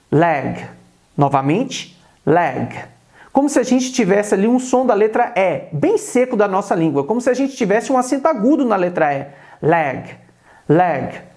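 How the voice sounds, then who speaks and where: Um professor de inglês do Brasil, homem jovem com sotaque brasileiro, fala numa entonação bem viva que sobe e desce. Ele conduz uma aula em vídeo e repete os exemplos com calma e cuidado. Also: male voice, high-pitched. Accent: Brazilian Portuguese. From Brazil. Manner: repeats example words slowly and deliberately. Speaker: English teacher. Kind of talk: video lesson on English pronunciation.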